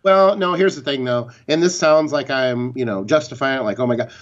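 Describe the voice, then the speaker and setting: A man co-hosting a fitness podcast chats casually, giving opinionated, rambling explanations with some swearing. His voice is medium-pitched at a normal speed, and the audio sounds dull.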